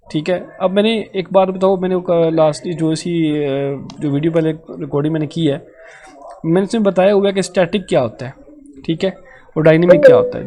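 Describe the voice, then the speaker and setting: A programming tutor with a Pakistani Urdu accent and a high, dark-toned voice leads a live online coding class. He walks through each step and frequently checks in with his students.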